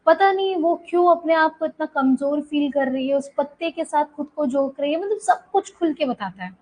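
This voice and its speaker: A woman's voice: high-pitched, expressive, moderate pace, darkish tone, rough recording. A woman teacher lecturing students in Hindi, explaining an English story line by line and checking in with them as she goes.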